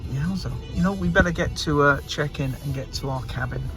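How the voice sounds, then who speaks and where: A man's voice: a little high, a little fast, loud music behind the voice. A man narrating his road trip vlog in an easygoing, upbeat way. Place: in a car and at stops on a road trip.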